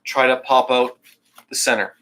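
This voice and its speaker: A man's voice: medium pitch, little pitch movement, moderate pace, bright, forceful tone. A man teaching a live yoga class, talking students through breathing cues in a casual, joking way and a bit out of breath. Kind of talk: live online class instruction.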